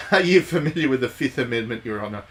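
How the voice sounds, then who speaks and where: This man, a game streamer and reviewer, talks to his viewers in a casual livestream, joking and chatting about a game and reading its text aloud. His voice is medium in pitch, animated and a bit bright, moving a little fast.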